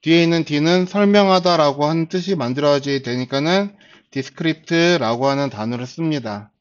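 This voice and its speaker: A man in his forties teaching a class, patiently explaining step by step and starting phrases with a drawn-out filler. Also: a little high. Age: 40s. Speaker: instructor. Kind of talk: classroom lecture. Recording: dull lo-fi lecture recording.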